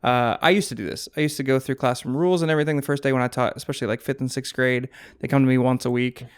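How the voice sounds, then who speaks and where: A man's voice: mid-range voice, steady tone, racing, clean tone. A man co-hosting a podcast in casual chat, talking loosely with fillers about teaching choir. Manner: chatty, lots of fillers and laughs. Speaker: podcast co-host.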